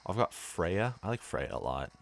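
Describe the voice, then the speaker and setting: Low-voiced laid-back young man. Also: sing-song, normal speed, vocal fry, a little hiss or hum. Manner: rambling, laid-back, many fillers. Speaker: let's play host. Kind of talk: casual gameplay commentary.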